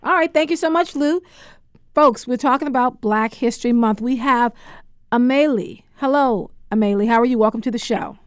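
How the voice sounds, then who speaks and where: A woman hosting a call-in radio talk show, briskly moving through callers and affirming them. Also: fairly high pitch, clear, resonant tone, no echo, studio quality.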